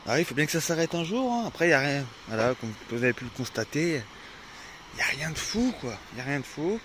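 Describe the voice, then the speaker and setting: Fast and very animated, a French vlogger with a fairly high voice rambles from the farm and his van, filling the talk with fillers and restarts. He's groggy, having just woken up before his coffee, and there's noise in the background.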